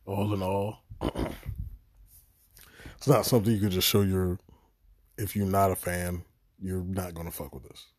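A man talking through a show review on his podcast in a loose, rambling, profane way, with sudden excited bursts. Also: deep voice, unhurried, long pauses, no room sound, studio quality. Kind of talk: casual spoken review.

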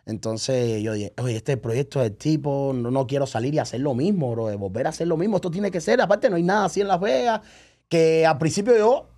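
A man with a slightly high, brisk, warm voice chats casually on a podcast as a guest and event promoter. His storytelling is animated: he plays out dialogue from memory and pauses to check that the listener understands.

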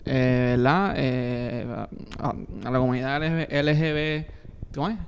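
A man's voice: medium pitch, steady tone, normal speed, a little hiss or hum. A man with a Puerto Rican accent debating informally and insistently, often repeating his points. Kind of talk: heated informal debate, Spanish mixed with English. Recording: echoey hall-like reverb.

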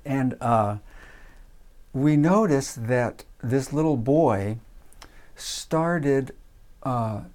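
A man telling a personal story in a relaxed, casual way, with frequent fillers. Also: medium pitch. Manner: relaxed, many uh fillers, acts out voices in quotes.

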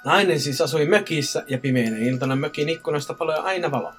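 Man, slightly high voice, halting reader, casual ghost-story chat, faint music behind. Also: fairly bright tone. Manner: reads haltingly, stumbling over words. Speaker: co-host reading listener stories. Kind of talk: casual chat, reading stories aloud.

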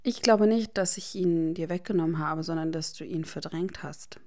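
Woman doing a cocky teen wizard boy, playful and easygoing, lowish voice. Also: moderate pace, a little mellow, lightly acted.

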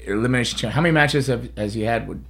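A man's voice: mid-range voice, very fast, gravelly, a bit bright. A man hosting a casual chat in a rambling storyteller's way. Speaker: podcast host, pro wrestler.

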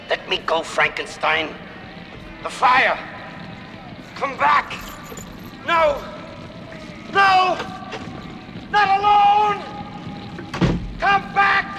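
A man's voice: lowish voice, background noise. A man playing a tormented, pleading, vengeful monster in a theatrical horror monologue, with an anguished delivery that moves between whispers and cries. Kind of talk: dramatic monologue, horror audio drama.

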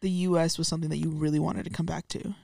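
A woman's voice: low-pitched, fairly even intonation, very fast, vocal fry, warm tone, no echo, clean studio sound. A young woman interviewing a friend in a curious, informal, chatty way. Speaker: podcast interviewer. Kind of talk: casual chat interview.

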